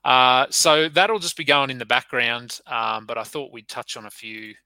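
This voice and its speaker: A man hosts a casual podcast in a sharp, forceful voice. He is chatty and loose, with lots of "uh"s and restarts. The recording is dry and close-miked. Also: medium pitch, fairly even intonation, normal speed, no room sound, poor audio. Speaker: podcast host.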